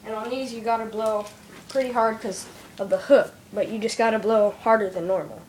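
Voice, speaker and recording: A woman's voice: on the high side, steady tone, a little fast, darkish tone, a little hiss or hum. Woman explaining a craft step by step. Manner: plain, step-by-step instructive talk. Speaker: craft demonstrator. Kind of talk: casual how-to explanation. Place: small room at a wooden desk, indoors.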